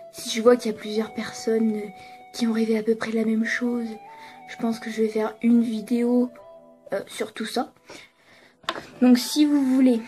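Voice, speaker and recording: A woman's voice: on the high side, mellow. A young woman chatting casually to her viewers in a vlog from her apartment. She laughs often, swears freely and pokes fun at herself. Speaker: YouTuber. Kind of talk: casual vlog chat to camera.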